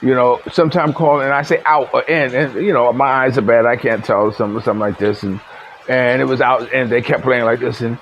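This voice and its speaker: A man's voice: medium pitch, fairly even intonation, a little fast, fairly bright tone, highs cut off, a little hiss or hum. A man vlogging in a casual, rambling storytelling monologue, full of fillers and restarts and chuckling at his own stories. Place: living in the Philippines.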